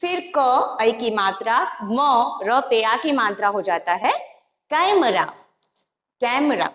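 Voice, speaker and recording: A woman's voice: on the high side, animated, slow, a bit bright. A woman teaching a Hindi lesson to young children, patiently sounding out syllables one by one. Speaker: primary school Hindi teacher. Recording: dull lo-fi recording with long hall reverb.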